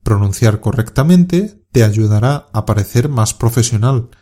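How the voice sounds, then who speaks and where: Castilian spanish guy teaching learners on a podcast, warm dark-ish voice, calm and clear. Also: mid-range voice, moderate pace. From Spain. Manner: calm, clear, encouraging explanation. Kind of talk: scripted podcast lesson for learners.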